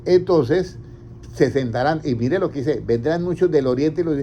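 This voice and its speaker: A pastor with a fairly high, warm voice gives an interactive sermon at a moderate pace, repeatedly asking his congregation questions and answering them himself. The recording is slightly dull, with faint background noise.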